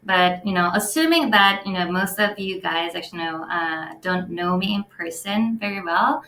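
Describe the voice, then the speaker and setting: A woman in her forties from South Korea with a Korean accent, talking earnestly as a guest in a conference fireside chat and pausing on fillers. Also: fairly low pitch, sharp tone, echoey room. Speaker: CEO guest.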